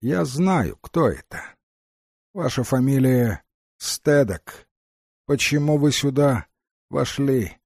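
A cold old man, spaced out and detached, speaking slowly, as a male narrator reads him. His voice is low-key and husky. It is recorded dry and close. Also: lively intonation, darkish tone, dry recording, full character voice.

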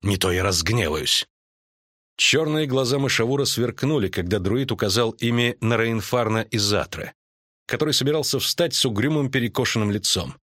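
A man narrating a fantasy audiobook in an even, measured reading. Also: medium pitch, no room sound, studio quality.

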